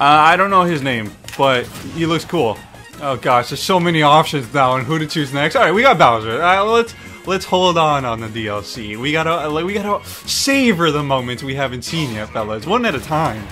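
A man giving excited, casual video game commentary, exclaiming and swearing freely as he plays. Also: fairly high pitch. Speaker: gaming streamer.

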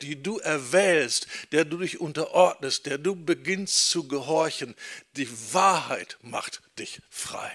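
A middle-aged man preaching a teaching sermon in a church, emphatic, slowing down and repeating key phrases for stress. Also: on the high side, a bit bright. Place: church hall.

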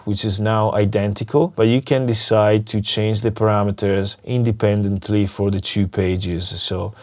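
In this screen-recorded tutorial, a man who teaches music production demos software while fighting a cold that's taking his voice. His pitch sits fairly low, and he thinks out loud in a relaxed way as he clicks through. Recorded indoors on a lapel mic in a small, dimly lit home studio, the session's music is clearly audible under his speech.

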